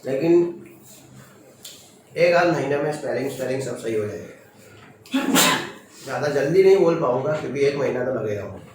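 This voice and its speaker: This is a classroom lecture in which a man teaches chemistry firmly and strictly, testing students with brief questions. His mid-range voice has lively intonation, a normal speed and frequent pauses. The audio is distant, echoey and noisy.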